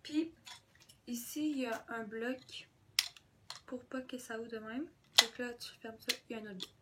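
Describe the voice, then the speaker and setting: A woman's voice: fairly high pitch, normal speed. A woman with a Québécois accent chatting through a casual product demo vlog, full of hesitations and dropped English words. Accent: Québécois French. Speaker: beauty vlogger. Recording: distant mic, faint room noise.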